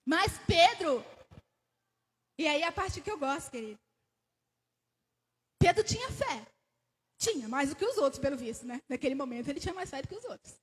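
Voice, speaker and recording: A woman with a Brazilian Portuguese accent preaching a sermon in a church, telling the story with animated rises and questions to the congregation. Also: high-pitched, normal speed, pauses often. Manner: laughs between phrases. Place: church sanctuary. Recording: church hall with long reverb.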